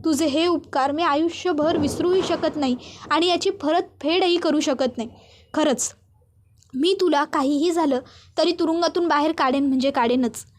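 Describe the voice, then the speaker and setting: A woman's voice: sits high, moderate pace, close to an everyday voice. A woman voicing an urgent, pleading young man. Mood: reassuring. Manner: urgent, coaxing, repeats pleas. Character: anxious young man pleading to help a friend.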